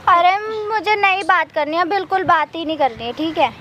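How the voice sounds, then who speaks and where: A woman's voice: extremely high pitch, lively intonation, moderate pace, pushed and bright, highs cut off, slight background noise, heavily acted. A woman acting a young woman who heatedly argues over her boyfriend in a staged street skit. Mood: irritated. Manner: heated, dismissive arguing.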